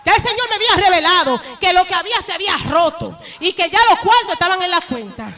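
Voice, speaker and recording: A woman with a Dominican Spanish accent giving an animated church testimony, acting out the people in her story and often laughing. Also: very high voice, fast talker.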